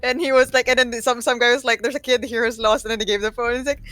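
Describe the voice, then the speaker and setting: High-voiced woman chatting casually. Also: fairly even intonation, quick pace, a bit bright, soft background music. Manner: chatty, laughing storyteller. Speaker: player. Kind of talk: casual chat.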